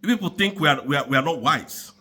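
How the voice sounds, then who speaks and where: A man with a high, bright voice delivers a heated political rant. His pitch swings all over the place as he repeats his charges in an angry, preaching tone. He speaks throughout. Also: expressive, fast talker, breathy edge. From Nigeria. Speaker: commentator.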